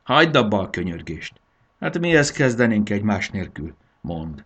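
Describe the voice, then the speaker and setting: A man voicing an old, proud, quick-tempered female dragon who gives commands and scolds, then softens. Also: on the low side, big pitch swings, breathy edge, heavily acted. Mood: gentle.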